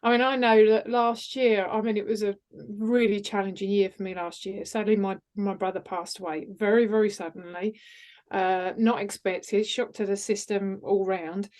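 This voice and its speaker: A woman's voice: mid-range voice, fairly even intonation, normal speed, darkish tone. A middle-aged woman, talking earnestly and frankly as a guest on a podcast interview. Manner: emphatic, candid, earnest. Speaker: guest, executive mentor and coach.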